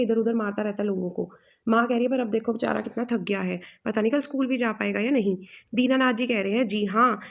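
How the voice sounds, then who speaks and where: Young woman, teacher, slightly high voice, gravelly fry, expressive reading, explains line by line. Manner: reads dialogue expressively then explains in mixed Hindi and English. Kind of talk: reading a lesson aloud and explaining.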